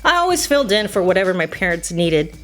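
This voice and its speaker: Quick-paced and sing-song, a woman from the United States with a fairly low voice tells nostalgic stories against a musical backdrop. Her scripted personal narration is playful, sprinkled with Spanish phrases.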